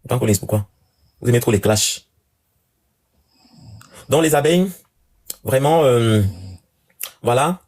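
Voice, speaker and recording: A man hosting a casual live stream, talking to his viewers in an animated rant with lots of repetition. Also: mid-range voice. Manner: rapid, animated ranting with repeated phrases.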